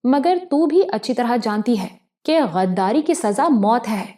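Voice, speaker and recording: A woman reading the part of a mocking, threatening male gangster with a slow, sarcastic drawl. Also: a little high, lively intonation, mellow, natural voice. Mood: sneering.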